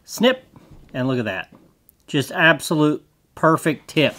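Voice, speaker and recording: Middle-aged man, folksy and chatty, bright tone, slightly high voice, casual tool demo. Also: very animated, unhurried. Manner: folksy, chatty, hands-on explaining. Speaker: tool reviewer. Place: small indoor studio set.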